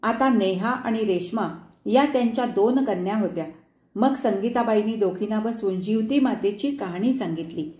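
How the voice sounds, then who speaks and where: A woman storyteller reading a short story aloud in a clear, measured narration. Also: mid-range voice, mellow, roomy sound. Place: studio.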